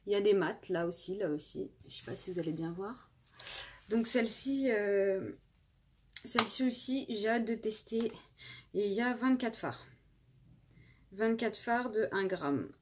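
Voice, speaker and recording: A woman's voice: medium pitch, measured pace, long pauses, darkish tone, a little hiss or hum. A woman in her twenties casually reviewing makeup palettes as a beauty vlogger, chatty with many fillers and restarts, filmed on a phone indoors. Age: 20s. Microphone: phone camera.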